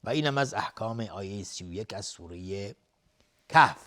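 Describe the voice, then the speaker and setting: Male recitation teacher: sung verses alternating with quick plain-spoken explanations. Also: on the low side, lively intonation, a bit bright. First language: Arabic recitation; speaks Persian. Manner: alternates slow melodic chanting with brisk spoken rule explanations. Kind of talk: recitation and tajweed lesson.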